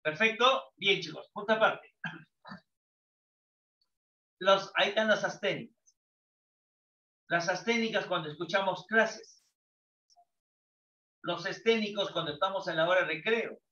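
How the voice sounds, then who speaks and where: A man's voice: sits high, a little slow, pauses often, bright, forceful tone. An older man, teaching a psychology class and asking and answering his own questions. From Peru. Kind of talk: lecture to students. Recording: echoey, distant, dull lo-fi sound.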